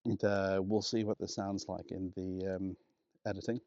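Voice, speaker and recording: Low-voiced man rambling on a walk. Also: moderate pace, dry recording, muffled recording. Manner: relaxed, rambling with many restarts and laughs. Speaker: vlogger. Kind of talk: casual walking vlog. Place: outdoors on a walk in a park. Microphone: wireless clip-on mic.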